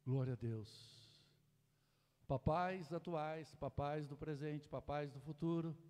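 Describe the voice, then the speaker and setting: Man, pastor, impassioned sermon, soft asides and loud calls, high-pitched, reverberant church hall. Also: slow pace.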